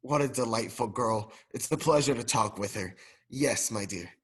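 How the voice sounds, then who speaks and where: A male student performs a radio drama role as an elderly former miser now overflowing with generosity and repentance. His medium-pitched, natural voice has a breathy edge and a moderate pace, and the mood is giddy and excited.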